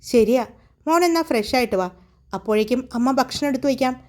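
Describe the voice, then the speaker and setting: A woman's voice: high-pitched, a little fast, darkish tone, lightly acted. A woman voicing a caring middle-aged mother who teases her daughter playfully in a storybook tale. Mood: teasing. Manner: fond, scolding playfully.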